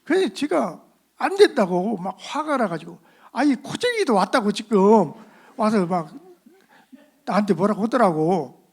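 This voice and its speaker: A middle-aged man preaching, telling a personal testimony in a lively storytelling manner and acting out the voices of the people in it. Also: high voice, measured pace, slightly rough. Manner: animated storyteller acting out quoted voices, laughing at himself. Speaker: pastor. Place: church sanctuary.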